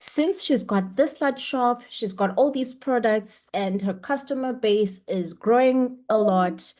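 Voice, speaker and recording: Here a young webinar instructor speaks unhurriedly in a slightly high voice with a darkish tone. Her online lecture comes through a computer mic on a video call, delivered in a friendly, encouraging style full of ums.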